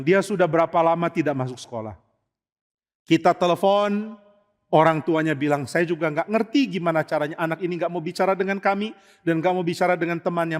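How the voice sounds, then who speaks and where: A middle-aged male pastor preaching a storytelling sermon with humor, acting out dialogue in different voices. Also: on the high side. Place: church hall. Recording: long church hall reverb.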